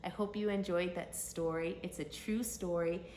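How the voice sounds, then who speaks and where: A woman reads a children's picture book aloud expressively, using dramatic, emphatic phrasing in a lowish, darkish voice. Her intonation is fairly even and her speed normal, in an echoey room with faint background noise.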